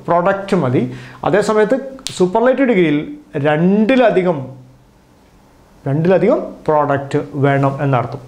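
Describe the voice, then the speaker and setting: A man's voice: fairly high pitch, darkish tone. A man teaching an English grammar lesson, patiently repeating and drilling each word form. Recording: roomy echo.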